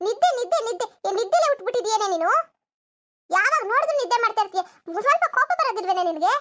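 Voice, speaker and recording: A woman's voice: very high voice, lively intonation, fast, pushed and bright, exaggerated voice. A woman voicing a bossy, scolding mother-in-law in a cartoon comedy, nagging and threatening. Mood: shrill.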